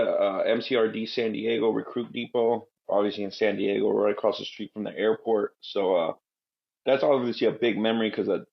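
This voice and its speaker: Laid-back man, low muffled voice. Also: vocal fry. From Guatemala, raised in Southern California. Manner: laid-back, rambling, says man and like a lot. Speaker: podcast guest, Marine veteran. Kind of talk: casual interview storytelling.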